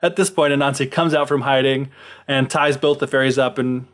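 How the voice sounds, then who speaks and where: A man's voice: mid-range voice, brisk. A man co-hosting a podcast, casually retelling a folktale with lots of fillers. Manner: animated, filler-heavy retelling. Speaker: podcast co-host. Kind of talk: casual storytelling.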